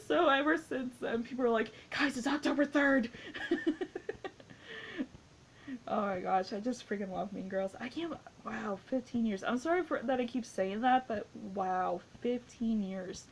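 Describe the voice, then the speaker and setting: A woman's voice: on the high side, moderate pace, hardly any pauses, slight background noise. A woman in her twenties giving a casual spoken movie review, rambling and gushing with many fillers. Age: 20s. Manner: rambling, gushing, heavy use of "like".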